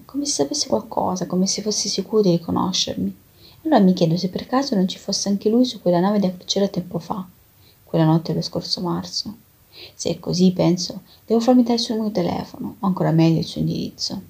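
Woman reader, very breathy and gravelly, dark tone, measured novel narration. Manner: measured, low-key first-person narration. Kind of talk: dramatic reading of a novel.

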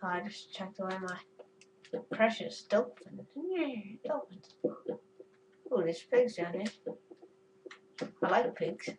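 A woman's voice: mid-range voice, slow pace, long pauses, a little mellow, recorded from a distance, a little hiss or hum, low-quality recording. A woman giving chatty, goofy commentary while playing a game, cursing and giggling at her own jokes. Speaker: gamer. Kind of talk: casual gameplay commentary.

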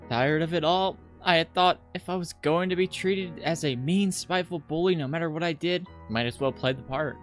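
A visual novel streamer reads the game's lines aloud at normal speed with hardly any pauses, their mid-range voice mixing in casual remarks and the odd stumble over a word. Game music plays in the background.

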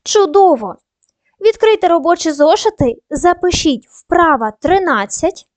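A woman teaching a primary school video lesson, giving patient, clear instructions and spelling out sounds and syllables one by one. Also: extremely high pitch, expressive, unhurried, darkish tone, dry recording.

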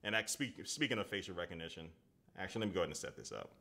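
A tech reviewer in his thirties hosts a casual live-stream phone unboxing from a desk in his home studio, chatting loosely with viewers and reading their comments aloud. His voice is low and creaky with a sharp tone, and he talks in an animated, rapid-fire burst.

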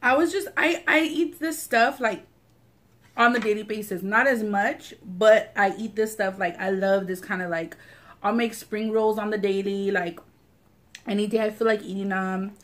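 A woman's voice: medium pitch, fairly even intonation, moderate pace. A young adult woman hosting an eating video, chatting casually to camera in an informal, slangy way with some swearing. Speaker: mukbang host. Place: small furnished living room, indoors.

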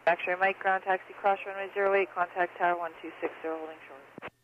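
A man's voice: high-pitched, little pitch movement, fast talker. A man giving clipped, procedural taxi instructions as a ground controller over the radio. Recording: thin phone-like radio with faint static.

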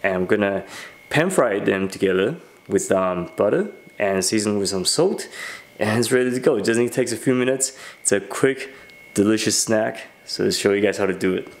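A man's voice: on the low side, moderate pace. A man hosting a cooking vlog from his home kitchen, chatty with lots of fillers, talking with a cold into a camera held close. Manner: relaxed, chatty, many "um"s. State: has a cold. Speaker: host. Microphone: camera held close at arm's length. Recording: music playing behind voice.

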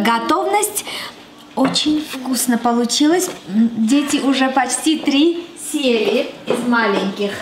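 A woman's voice: sits high, noisy background. A woman in her thirties with an Armenian accent hosting a cooking show in her home kitchen, chatting casually and thinking aloud with fillers and restarts. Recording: echoey kitchen with background music.

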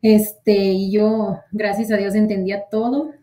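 A woman's voice: medium pitch, level tone, measured pace, warm tone. A woman casually retelling events, with lots of quoted dialogue. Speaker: interviewee sharing her citizenship interview. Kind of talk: casual storytelling in an interview. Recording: echoey room.

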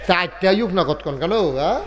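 A man with a fairly high voice preaches in an over a loudspeaker at a large open-air gathering. He jokes with the crowd, scolds the sound man, and draws key lines out into a slow chant. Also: lively intonation, noisy background. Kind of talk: village sermon with crowd call-and-response. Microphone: handheld mic through PA.

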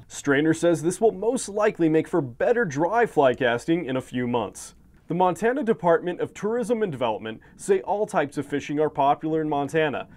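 A young man reads a local news feature in a steady, scripted reporter's cadence. His voice sits a little high for a man and stays measured throughout. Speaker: field reporter.

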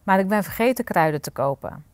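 Lady doing a shouty grumpy ogre from a kids story, dry close sound. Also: mid-range voice, lively intonation, brisk, clear, resonant tone, no echo, close to an everyday voice. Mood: demanding. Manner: bellowing shouts. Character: grumpy male ogre, gruff and loud.

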